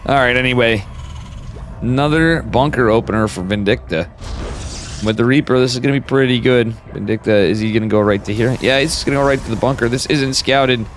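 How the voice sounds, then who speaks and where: A man's voice: medium pitch, a little fast, a little hiss or hum. A man with a cold and a whistling nose giving casual, slangy live esports commentary. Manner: informal, slangy, chatty. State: stuffed up with a cold.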